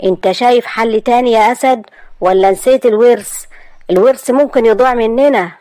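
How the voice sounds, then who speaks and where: A woman's voice: fairly high pitch, brisk, dark tone, no echo, pitched above the performer's own voice, natural voice. A woman voicing a firm insistent Egyptian uncle.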